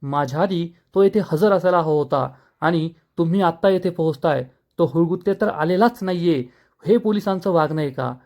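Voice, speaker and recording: A man performs an enraged, powerful father in a retold television drama, barking orders and scolding the police. He shouts at full force, and his voice sits fairly high. It is told as spoken storytelling. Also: a little fast, lightly acted. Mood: furious. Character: furious powerful rich father, commanding.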